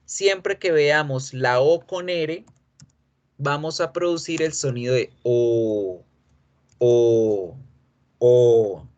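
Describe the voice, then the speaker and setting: A male English teacher who gives a pronunciation lesson and patiently repeats model words slowly. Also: a little high, dull audio.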